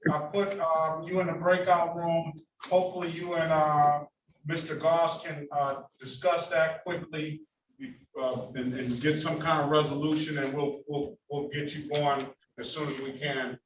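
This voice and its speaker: A man's voice: a little high, steady tone. Distant echoey male judge on a call. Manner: halting, repeats words, blunt questions. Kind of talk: virtual court hearing. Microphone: video call. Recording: echoey, distant, dull, noisy.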